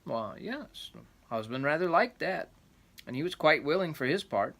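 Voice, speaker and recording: A man's voice: fairly high pitch, expressive, normal speed, vocal fry, fairly bright tone. An older man reading a folk tale aloud like a rambling grandpa, adding folksy asides and plain explanations. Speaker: storyteller.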